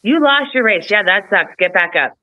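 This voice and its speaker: A woman's voice: medium pitch, expressive, moderate pace. A woman in a casual political chat, blunt and profane, ranting about local politics. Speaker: political commentator. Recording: slightly dull lo-fi audio.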